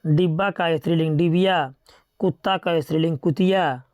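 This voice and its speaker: A teacher works through a grammar lesson in a steady, methodical rhythm, reading out pair after pair of words. The voice sits at an ordinary middle pitch and now and then breaks off to remind students to remember a tricky one. The sound is dry and close, with no room behind it. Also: normal speed, no echo.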